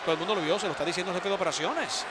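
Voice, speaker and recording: A man doing animated color commentary on wrestling, emphatic and repeating phrases for effect. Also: sits high, very fast. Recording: noisy arena crowd. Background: arena crowd.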